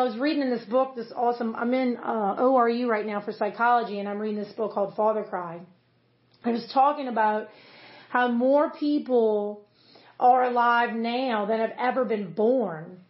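A woman's voice: fairly high pitch, normal speed. Earnest woman pastor, roomy sound. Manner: earnest, conversational, many fillers. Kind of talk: casual podcast devotional teaching. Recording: roomy, slightly dull recording.

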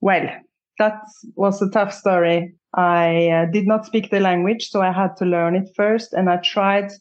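A woman's voice: medium pitch, fairly even intonation, a little slow, muffled recording. A woman from Norway, a photographer and non-native English speaker, answering interview questions hesitantly and searching for words. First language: Norwegian. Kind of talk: casual interview.

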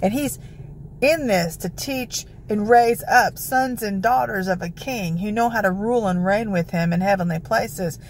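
A woman with a gravelly voice giving informal, emphatic devotional exhortation as a prayer preacher. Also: mid-range voice, unhurried, slight background noise, low-quality recording. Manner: emphatic, declarative, peppered with scripture citations.

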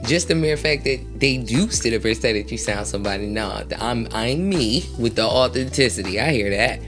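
A woman with a Southern US accent hosting a casual interview, talking in a lively, playful, slangy way. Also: a bass voice, moderate pace, faint music behind. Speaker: interview host.

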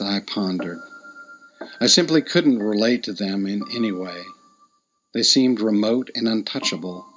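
A man narrating a reflective story in a slow, thoughtful way. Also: fairly low pitch, a bit bright, poor audio. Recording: music playing behind.

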